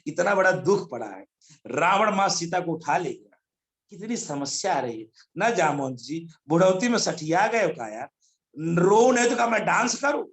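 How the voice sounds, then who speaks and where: A grieving monkey hero, voiced by a man, who grumbles in a rustic Bhojpuri-tinged Hindi, his voice dropped lower and set back from the mic. He sounds fed up and short-tempered, and an echoey room surrounds him. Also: very animated, normal speed. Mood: exasperated. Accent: Bhojpuri-tinged village Hindi. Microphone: video call.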